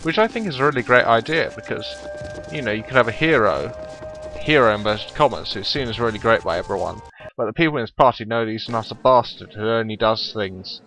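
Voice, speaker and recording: A man chats through a gameplay recording, explaining his choices and joking at his own expense. His voice sits at an average pitch. Faint game music plays underneath him. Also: animated, a little fast, fairly bright tone. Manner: chatty, explanatory, self-deprecating. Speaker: let's play commentator. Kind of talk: casual gameplay commentary.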